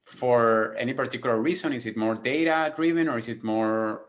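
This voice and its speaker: A man's voice: mid-range voice, normal speed. A man in his thirties hosting an interview over a video call from a home office, friendly and searching for words with many fillers. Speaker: host. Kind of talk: interview questions.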